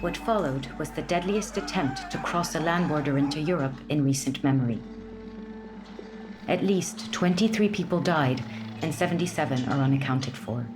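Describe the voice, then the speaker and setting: A woman reading scripted documentary narration in a measured, grave way. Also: low-pitched. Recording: narration over loud music.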